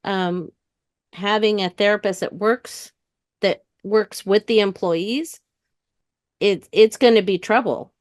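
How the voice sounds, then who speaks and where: This retired police dispatcher from the United States, a woman in her fifties with an American accent, chats openly and informally as an interview guest. Her medium-pitched voice comes through clean, with studio sound and no echo.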